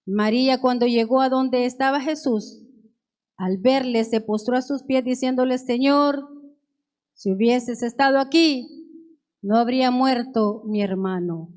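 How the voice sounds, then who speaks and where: Reading scripture aloud in a church, a woman preacher goes verse by verse, pausing to explain each one with earnest care. Her voice is high and a little mellow, and she moves slowly so every phrase lands in this sermon built around Bible reading.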